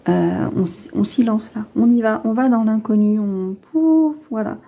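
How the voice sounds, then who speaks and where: Still getting over a head cold, a woman reads tarot cards for her viewers in a casual, hesitant, rambling way, thinking aloud. She speaks at a moderate pace, her voice on the high side, creaky yet mellow.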